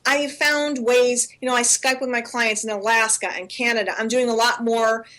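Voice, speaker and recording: Forties woman cohost, earnest and emphatic, kinda high voice, repeats stuff to hammer it home. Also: fairly even intonation, normal speed, bright, forceful tone. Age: 40s. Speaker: co-host. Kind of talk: casual talk show chat. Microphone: remote call.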